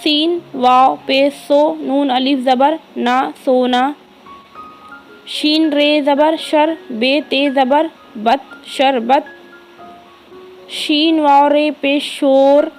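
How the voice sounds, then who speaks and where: A woman with an Indian accent, teaching an early reading lesson by spelling words out letter by letter, slow and drawn-out. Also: sits high, fairly even intonation, faint music behind, rough recording. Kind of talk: spelling lesson for young children.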